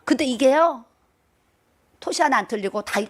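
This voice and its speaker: A middle-aged woman preaching a sermon as a pastor's wife. Her voice sits high for a woman. She drives her points home with repetition and lightens them with chuckling, self-deprecating asides. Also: animated, normal speed.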